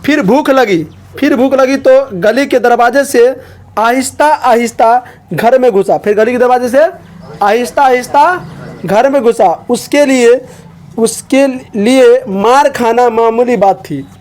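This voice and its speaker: Very high-voiced man teaching. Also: unhurried, darkish tone, a little hiss or hum. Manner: repeats lines and checks understanding with questions. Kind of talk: explaining a textbook chapter to students.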